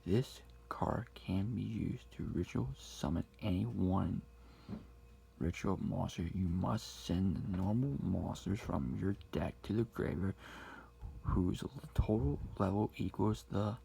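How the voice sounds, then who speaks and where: Hushed, gravelly low-voiced ASMR man. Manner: hushed, close to the ear, reading out slowly. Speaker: ASMR card collector showing a deck. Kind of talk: quiet ASMR talk, soft-spoken to whispered. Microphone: close-up ASMR mic.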